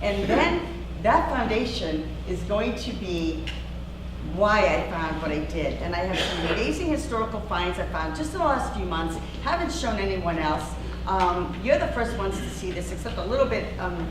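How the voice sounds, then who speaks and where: A woman with a mid-range voice hosts a community event, loudly addressing the audience in a casual, rambling way with many fillers; she is also a diver. The setting is a large echoey hall, and her voice comes through from a distance over faint noise.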